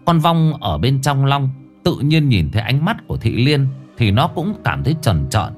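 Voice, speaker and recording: A man's voice: medium pitch, big pitch swings, moderate pace, over music. A man narrating a ghost story in a colloquial, crude and dramatic manner.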